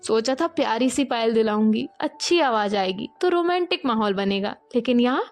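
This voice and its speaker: Flustered, stammering young student girl in a romance audio story, read by a woman, higher voice. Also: expressive, moderate pace, faint music behind. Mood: grumbling to herself.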